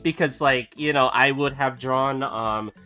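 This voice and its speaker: A man with a bright, medium-pitched voice speaks a little slowly while streaming a drawing session, soft music playing behind him. He rambles casually, full of fillers and restarts, as he recovers from a cough.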